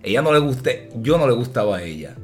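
Animated Puerto Rican man telling stories. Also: medium pitch, fast talker, soft background music. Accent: Puerto Rican Spanish. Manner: animated, mimics voices in his stories, laughs often. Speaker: podcast host. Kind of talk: casual storytelling chat.

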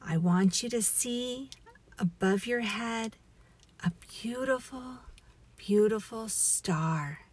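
A woman leading a guided relaxation meditation as a story, in a soothing, hushed, breathy voice that often nears a whisper. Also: fairly high pitch. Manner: slow, soothing, hushed delivery.

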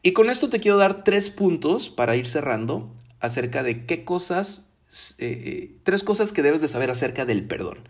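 Male preacher with a fairly high voice, casual live sermon, conversational but emphatic. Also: big pitch swings. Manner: conversational and emphatic, slows down to stress key words. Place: his home.

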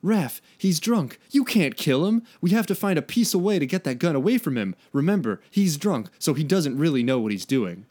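A man reading out a fan story, voicing a gentle young male turtle hero who urges his brother to stay peaceful. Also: a little high, big pitch swings, a little fast, few pauses, voice pushed up. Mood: pleading. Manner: earnest, pleading.

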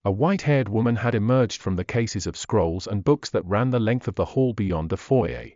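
Low, expressive male audiobook narrator. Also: moderate pace, dry recording. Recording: dull dry recording.

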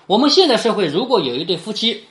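Teacher, explaining a classic novel, conversational, animated intonation, quiet question tags. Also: medium pitch, fast talker. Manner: conversational, keeps asking "right?"; drops to a quiet tag at sentence ends.

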